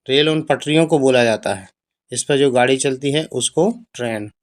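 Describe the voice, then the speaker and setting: A man's voice: mid-range voice, moderate pace. A man with a Hindi accent teaching English phonics, spelling out each word letter by letter and repeating it with its meaning. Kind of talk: phonics lesson spelling out words.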